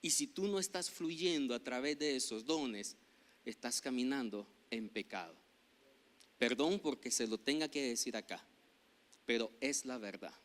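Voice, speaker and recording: A man with a Nicaraguan Spanish accent, a pastor preaching a sermon, growing loud when he reads scripture and joking with the congregation. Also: mid-range voice, animated, a little slow.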